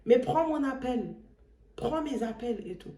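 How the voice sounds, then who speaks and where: A woman playing a pestering young man, wheedling, insistent, mellow voice, echoey room. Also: extremely high pitch, expressive, unhurried, pitched above the performer's own voice. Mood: pushy.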